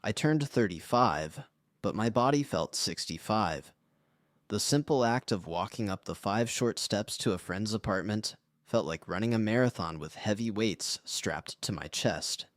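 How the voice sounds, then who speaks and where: A man's voice: fairly low pitch, expressive, unhurried, no echo, studio quality. A man narrating a scripted first-person story in a somber, confessional way.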